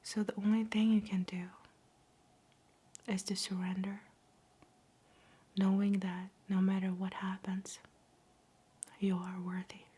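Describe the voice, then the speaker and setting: A woman giving a whispered ASMR pep talk in a soft, breathy whisper, soothing, gentle and encouraging. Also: medium pitch, flat delivery, slow, long pauses. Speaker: ASMR host.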